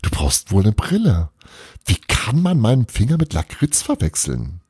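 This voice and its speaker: A man's voice: lowish voice, wildly swooping pitch, normal speed, darkish tone, husky, no room sound, studio quality, full character voice. A man reading aloud while voicing a bossy, cheeky young girl in a children's story. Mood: scolding.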